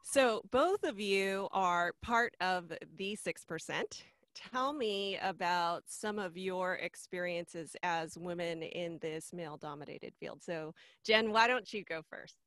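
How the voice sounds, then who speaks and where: A woman's voice: fairly low pitch, takes it slowly, few pauses, fairly bright tone, no room sound. A woman hosts a podcast interview, opening with upbeat introductions of her guests. Her voice sounds dry and close to the mic. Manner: upbeat introductions, short reactions. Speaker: podcast host.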